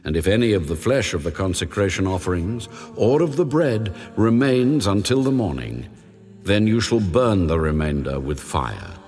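God, deep and echoing. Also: male voice, sing-song, a little mellow. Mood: solemn, commanding. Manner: solemn, deliberate, authoritative. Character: God, solemn commanding male deity giving sacred instructions. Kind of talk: dramatized audio Bible reading. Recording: long reverb over background music. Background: music.

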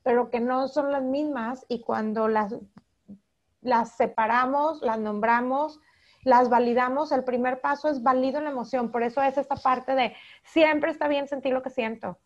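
A woman's voice: high voice, steady tone, moderate pace, lo-fi sound. A Mexican woman psychologist explaining emotions in an interview, acting out quoted speech as she talks. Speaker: psychologist guest. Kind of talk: interview answers.

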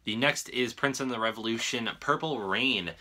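A young man vlogs from a small room at home, casually showing off his music collection to camera in a show-and-tell style, informal and prone to swearing. His mid-range voice is bright and forceful at a moderate pace.

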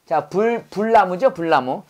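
In an unhurried, high-pitched, expressive voice, a middle-aged pastor drills English words with his class. He poses quiz questions, has students repeat after him, and fixes their pronunciation.

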